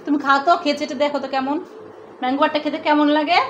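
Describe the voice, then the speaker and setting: A woman's voice: sits high, level tone, rapid-fire, a bit bright, dull audio, a little hiss or hum. A woman coaxing and playing with a toddler in a home video, in sing-song baby talk. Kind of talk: playful family vlog chat.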